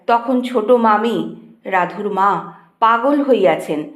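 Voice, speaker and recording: Slow, reverent woman reading aloud. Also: on the high side, roomy sound. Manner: slow, measured and reverent reading with quoted dialogue. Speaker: reader of a devotional text. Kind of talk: slow scripted reading of a memoir.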